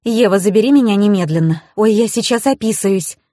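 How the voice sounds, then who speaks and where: A woman reading an audiobook, voicing an excitable, dramatic young woman who talks shrilly and in a rush. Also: a little fast, no echo, studio quality, close to an everyday voice. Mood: panicked. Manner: shrill and breathless, higher pitched.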